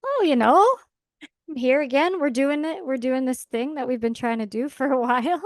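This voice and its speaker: A Canadian woman co-hosts a podcast in a chatty, easygoing way, often breaking into laughter. Her voice sits a little high, and the recording is dry and close. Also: a little fast, dry recording. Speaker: podcast co-host. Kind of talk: casual podcast chat.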